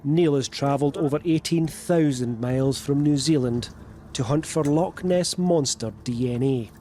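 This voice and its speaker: A man's voice: medium pitch, normal speed, dark tone, slight background noise. A man reading scripted narration for a news feature as its reporter.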